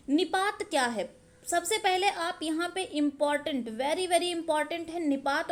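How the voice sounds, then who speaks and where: A woman teaching a grammar lesson for exam preparation, explaining slowly with repeated examples and asking the viewer rhetorical questions. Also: extremely high pitch. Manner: frequently checks understanding with rhetorical questions.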